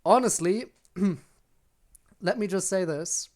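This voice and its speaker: Speaking slowly in a high, slightly mellow voice, a German man with a German accent chats casually with viewers while playing a game on a live stream. He rambles, restarting his sentences frequently as he responds to chat.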